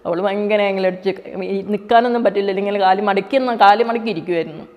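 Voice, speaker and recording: A middle-aged woman, a mother, telling a personal faith story in quick, plain speech full of restarts. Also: medium pitch. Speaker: mother giving a faith testimony. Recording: dull, reverberant, with soft music behind.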